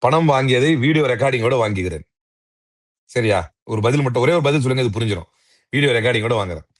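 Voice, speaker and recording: Speaking fast with lively intonation, a political commentator guest spars in a heated interview, mocking his opponents and firing rhetorical questions. His voice is mid-range, captured in studio quality without echo.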